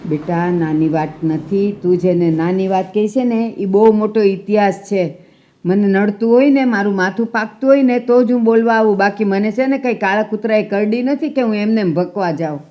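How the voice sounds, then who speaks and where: A woman's voice: mid-range voice, normal speed, lightly acted. A woman playing a stubborn feuding old grandmother. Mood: stern. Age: older. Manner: indignant, scolding. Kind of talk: family drama acting. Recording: dull, muffled sound.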